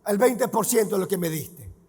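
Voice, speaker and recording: A man's voice: sits high, very animated, normal speed, breathy edge, in a large hall, voice pushed down, full character voice. A man playing a frantic, ruined servant pleading his excuses. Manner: pleading, shouting. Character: distraught ruined male servant making excuses.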